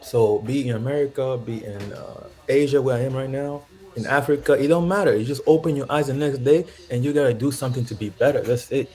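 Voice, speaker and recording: On a casual call-in, a young adult caller from Zambia speaks fairly quickly and with few pauses in a mellow, mid-range voice. His talk wanders reflectively and is punctuated by frequent laughter.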